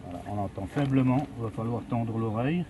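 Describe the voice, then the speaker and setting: A man's voice: mid-range voice, fast, background noise. An older man, a retired music teacher, patiently explaining a plant music demonstration outdoors in a garden.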